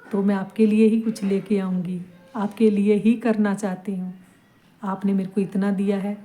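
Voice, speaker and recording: A middle-aged woman from Punjab talking softly and tenderly, as if confiding directly in a small deity idol, in a casual devotional vlog. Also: mid-range voice, little pitch movement, moderate pace. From Punjab, India. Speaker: devotional vlogger.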